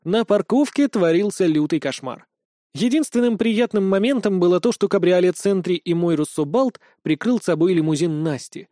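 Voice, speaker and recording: Guy reading a first-person audiobook, gruff, slightly raised pitch, dark sound. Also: animated, normal speed, no echo, studio quality. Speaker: audiobook narrator. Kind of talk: first-person scripted narration.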